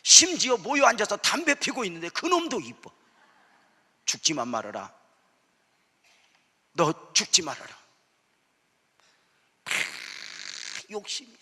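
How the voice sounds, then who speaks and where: A man's voice: sits high, huge pitch swings, measured pace, long pauses, pushed and bright. A male pastor preaching a sermon, telling stories with humor and acting out his church members' words. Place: church sanctuary. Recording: church hall reverb.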